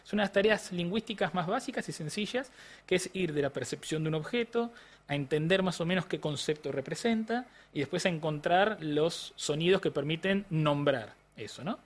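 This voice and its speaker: Man, Rioplatense accent, didactic interview answers, fairly high voice. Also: expressive, brisk. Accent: Rioplatense Spanish. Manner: didactic, frequent tag questions. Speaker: neuroscientist guest.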